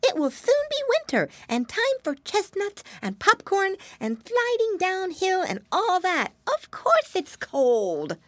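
A woman's voice: very high voice, wildly swooping pitch, takes it slowly, few pauses, a bit bright, dry recording, voice pushed up, full character voice. A woman voicing Flop, a curious, good-natured little boy piglet who talks in a chirpy, earnest way. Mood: cheerful.

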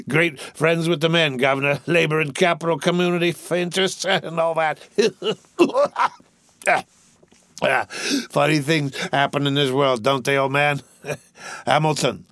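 A man's voice: lowish voice, creaky, no room sound, voice pushed down, heavily acted. A man voicing a drunken, boastful rich young man who slurs, rambles and keeps breaking into laughter.

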